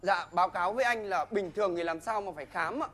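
A young man playing a cheeky patient in a stage comedy sketch, talking back fast and jokingly. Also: high-pitched, a bit bright. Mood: pleading. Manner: joking backtalk, fast and pleading.

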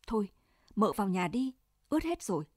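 A woman voicing a young soldier son who speaks in soft, brief reassurances. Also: medium pitch, big pitch swings, fairly quick, dry recording, clean studio sound. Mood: gentle.

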